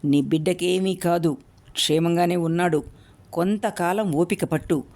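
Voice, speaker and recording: Cruel rich man, cold and menacing, low voice, read by a woman. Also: a little slow, a little mellow, lightly acted. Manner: menacing, contemptuous.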